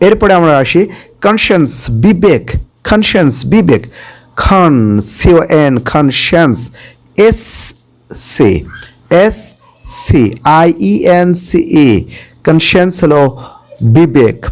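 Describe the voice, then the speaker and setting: A man gives a careful spelling lesson, sounding out each English word one letter at a time and then explaining what it means. His voice sits a little high. He keeps a patient teaching pace and stops to check that the class is following. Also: a little mellow. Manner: explains Bengali meanings, checks with "okay?".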